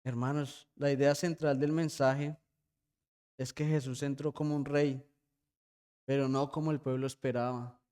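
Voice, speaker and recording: Spanish-speaking man preaching with a smooth voice. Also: medium pitch, little pitch movement, measured pace, a little mellow. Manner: preaching with frequent rhetorical "¿sí?" checks; addresses congregation as brothers. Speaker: pastor. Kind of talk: sermon. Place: church.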